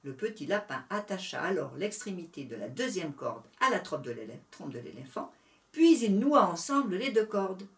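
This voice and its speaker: A woman reading a children's animal fable aloud, animated and expressive. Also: on the low side, moderate pace, recorded from a distance. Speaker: storyteller. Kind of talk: storybook reading.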